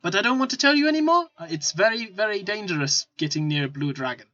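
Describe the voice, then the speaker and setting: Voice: mid-range voice, lively intonation, fast, bright, forceful tone, no echo. A game master voicing a shifty male desert merchant who fawns, stammers and dodges questions while angling for coin. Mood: evasive. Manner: stammering, fawning salesman patter. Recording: lo-fi with faint music.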